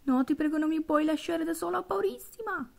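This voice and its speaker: A woman's voice: a little high, brisk, a little mellow, pitched above the performer's own voice, lightly acted. Nervous pregnant girl, pleady and jumpy, as a woman puts her on. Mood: frightened. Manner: fretful, pleading. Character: anxious pregnant young woman.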